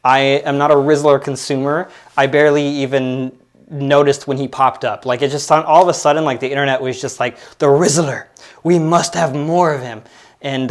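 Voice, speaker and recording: A young man in his late twenties chats through his own podcast. His voice sits in a middle pitch, and he wanders through thoughts with frequent fillers and self-deprecating asides. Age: 20s. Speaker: podcast host. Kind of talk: casual solo commentary.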